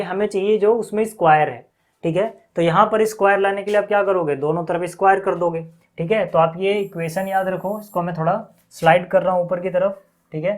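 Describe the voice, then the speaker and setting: Indian guy teaching maths at the board, asks questions back, drags out terms slowly. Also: on the high side, rough recording. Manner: repeats questions back to students, frequent check-ins; explains step by step, spells out terms slowly. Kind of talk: blackboard maths lesson.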